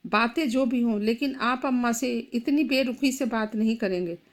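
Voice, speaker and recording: A woman voicing a gentle, bewildered young wife in a storybook. She speaks softly and pleads. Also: fairly high pitch, normal speed, lightly acted. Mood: pleading.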